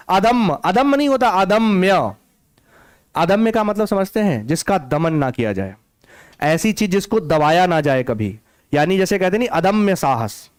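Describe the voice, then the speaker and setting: A man's voice: high voice, clear, resonant tone, no room sound. A man teaching a Hindi spelling lesson for exam prep, drilling students with repeated questions.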